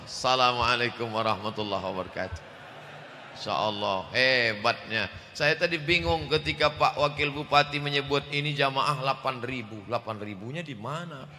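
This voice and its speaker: A man preaching a loud, joking sermon to a large congregation, acting out little scenes. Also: a little hiss or hum. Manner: loud, booming delivery. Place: large mosque. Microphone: handheld stage microphone. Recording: echoey mosque hall.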